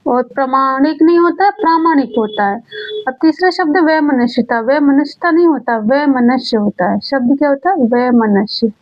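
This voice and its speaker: Female teacher, high voice, exam-prep lesson; poses then answers her own questions, muffled lo-fi audio. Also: animated. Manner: repeats key words slowly. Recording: dull lo-fi sound.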